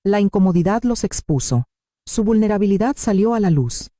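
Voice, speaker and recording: A woman reading a first-person story as narrator, in calm, measured scripted narration. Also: medium pitch, no room sound, studio quality.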